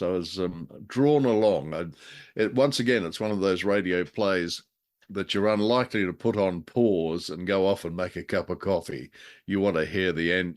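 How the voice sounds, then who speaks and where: An Australian man with a low voice co-hosts a podcast, chatting casually and unscripted while telling things in a jokey, dry way.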